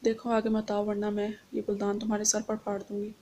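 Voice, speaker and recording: A woman's voice: medium pitch, completely flat delivery, fairly quick, slight background noise, lightly acted. A woman reading the lines of a lonely, grieving young woman student. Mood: angry. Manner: sorrowful, then sharp when cornered.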